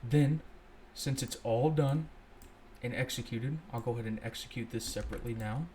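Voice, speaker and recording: A man's voice: medium pitch, normal speed, a little hiss or hum. Young man thinking aloud over code. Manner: relaxed, thinks aloud, self-correcting. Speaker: scripting tutorial host. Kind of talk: casual screen-recorded coding walkthrough.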